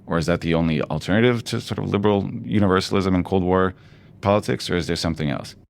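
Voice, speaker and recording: A man hosting a podcast interview, asking measured, probing questions. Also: low voice, vocal fry. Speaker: podcast host.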